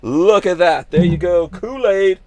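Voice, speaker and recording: A man's voice: sits high, unhurried, dark tone, no room sound. A middle-aged man from Guyana hosting a podcast in casual chat, joking and laughing often. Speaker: podcast host.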